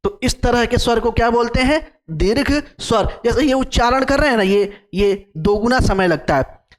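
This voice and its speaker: A man's voice: very high-pitched, moderate pace, big-room sound. A man teaching an exam-prep lesson, repeating key terms, quizzing the class and drawing out vowel sounds to show their length.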